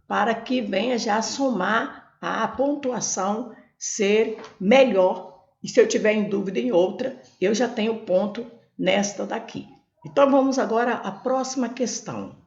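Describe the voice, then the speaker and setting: A woman tutoring for Portuguese exams, going through questions slowly and repeating each syllable type for her students. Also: on the high side, darkish tone. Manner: repetitive, spells out syllables, addresses students as gente. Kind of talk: explaining exam questions. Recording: echoey room, dull lo-fi sound.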